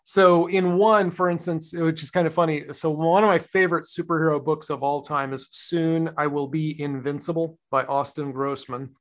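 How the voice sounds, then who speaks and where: A man co-hosting a podcast, talking casually and thinking aloud. His voice sits a bit high for a man, and he winds through his points with plenty of fillers and restarts. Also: steady tone, moderate pace, hardly any pauses. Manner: rambling, thoughtful, many fillers and restarts. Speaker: podcast co-host. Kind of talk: casual chat.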